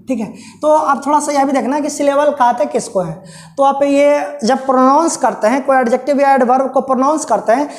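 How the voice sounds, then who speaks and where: High-voiced woman teaching in an echoey room. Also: a little mellow. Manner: patient, repeats points, asks and answers own questions. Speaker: English teacher. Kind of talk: classroom grammar lesson.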